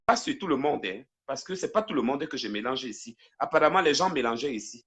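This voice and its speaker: Speaking briskly in a mid-range voice with lively intonation, a livestream host chats casually from home into his phone. He's talkative and teasing, occasionally drifts off-mic, and lowers his voice to quiet asides during phone calls.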